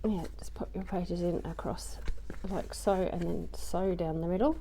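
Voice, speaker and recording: Against a noisy background, a woman with a lower voice chats at normal speed and in a steady tone about a craft project at home. She's a craft journaling vlogger whose voice just returned, and she wanders with many ums and self-deprecating asides.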